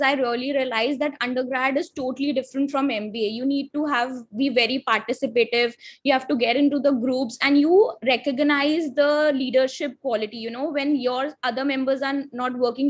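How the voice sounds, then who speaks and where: A woman's voice: high voice, a bit bright. A woman in her twenties with an Indian accent, giving an earnest, polite student testimonial. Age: 20s. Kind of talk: informal testimonial speech.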